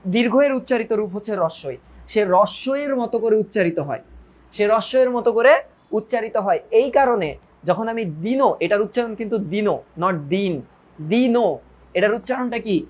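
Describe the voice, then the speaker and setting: A man's voice: extremely high pitch, expressive, brisk, darkish tone. A male tutor teaches a grammar lesson to his students. He often repeats his phrases and puts questions to his listeners. English words slip into his talk. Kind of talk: online lecture.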